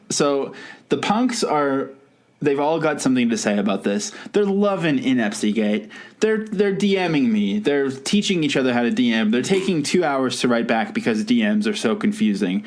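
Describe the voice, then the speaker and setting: A man co-hosting a podcast in loose, casual chat. He rambles, laughs often and pokes fun at himself, in a voice of middling pitch. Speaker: podcast co-host.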